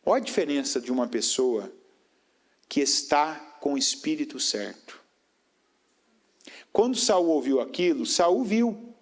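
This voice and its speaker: A man preaching a sermon, firing rhetorical questions at the congregation and swinging between raised emphatic phrases and low, quiet stretches. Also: very animated, unhurried, long pauses.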